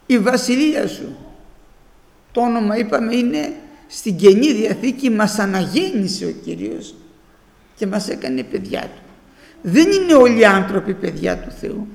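A man's voice: sits high, creaky, darkish tone, roomy sound, long reverb tail. A man preaching a sermon with fervour, his voice rising into exclamations as he speaks.

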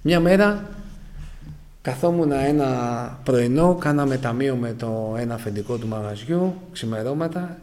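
A man's voice: medium pitch, lively intonation, a little mellow. A man from Greece telling his conversion story to a congregation, calling them brothers and letting his voice sink at the end of phrases. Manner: keeps addressing the listeners as brothers; fragmentary, emotional storytelling, voice sinking at phrase ends. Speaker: church member giving testimony. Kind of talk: personal testimony to a congregation.

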